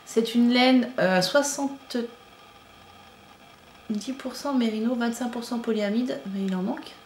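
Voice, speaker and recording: A woman's voice: on the high side, measured pace. A woman in her thirties, chatting casually as a knitting podcaster, rambling with many fillers and asides. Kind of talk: casual chat showing yarn to camera. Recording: echoey room with faint ambient noise.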